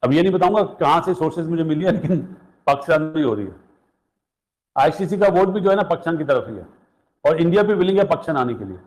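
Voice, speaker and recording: Confident fast-talking commentator man. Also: on the high side, expressive, a little mellow, low-quality recording. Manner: confident, assertive. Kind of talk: TV debate commentary.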